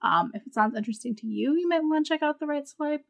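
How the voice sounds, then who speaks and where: Speaking quickly in a high, creaky voice, a female book reviewer gives a casual spoken review. She thinks out loud, her sentences loose and meandering.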